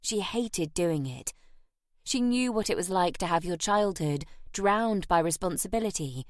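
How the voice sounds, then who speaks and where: Woman reading an audiobook, lowish voice, dry close sound. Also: no echo. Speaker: audiobook narrator. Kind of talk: scripted romance narration.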